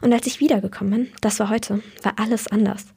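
A woman's voice: medium pitch, steady tone, quick pace, creaky, dark tone, husky. A young woman voicing an anxious, troubled teenage girl in a read-aloud story.

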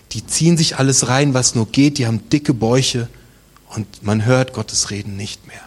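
A man preaching a sermon, telling the story in a casual, colloquial way with personal asides. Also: medium pitch.

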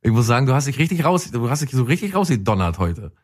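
A man's voice: mid-range voice, sing-song, fast talker, slightly rough. A man co-hosting a podcast in casual comedic chat, teasing his partner and laughing often. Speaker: podcast co-host.

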